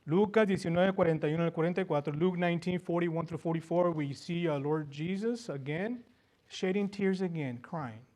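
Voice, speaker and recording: A man preaches with a high voice, turning from one language to the other and back. He speaks to his congregation as brothers and presses his points with rising fervor. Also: normal speed, darkish tone. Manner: switches between Spanish and English, repeating each passage. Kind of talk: bilingual sermon.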